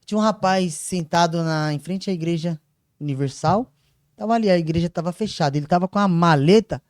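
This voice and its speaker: Homem animado contando testemunho, voz aguda. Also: male voice, a little high, fairly quick, dry recording, clean studio sound. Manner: animated storytelling, acts out voices. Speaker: co-host. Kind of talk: casual testimony chat.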